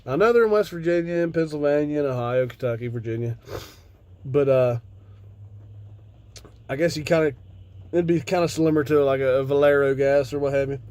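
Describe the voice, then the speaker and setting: A man's voice: fairly high pitch, brisk, pauses often, darkish tone, clear, resonant tone. An American man who sounds stoned, chatting in a laid-back, rambling stoner manner to his viewers with casual swearing. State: stoned on cannabis. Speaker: video host. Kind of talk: casual rambling vlog chat.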